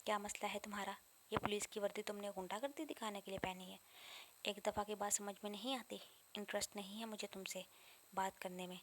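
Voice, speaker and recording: A proud young woman student with a curt, scornful tongue, read by a woman narrator. Her voice stays level and flat in pitch while she snaps. It sounds like a storybook reading rather than full acting. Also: slight background noise, close to an everyday voice.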